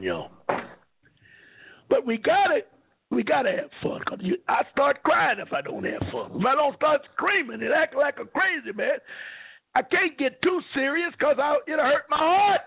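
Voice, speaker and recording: A man hosting a call-in radio talk show, fiery and preachy, swinging between shouting and low asides. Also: slightly rough. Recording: tinny phone-line radio sound.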